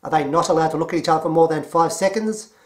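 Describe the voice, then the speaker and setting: A man with an Australian accent giving a mocking, deadpan commentary. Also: fairly high pitch, fast. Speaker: commentary vlogger. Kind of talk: sarcastic commentary.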